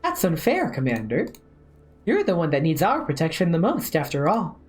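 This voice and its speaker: A woman's voice: low voice, huge pitch swings, moderate pace, darkish tone. A woman voicing a teasing, possessive female companion in an anime game, with a coy manner. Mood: teasing, jealous.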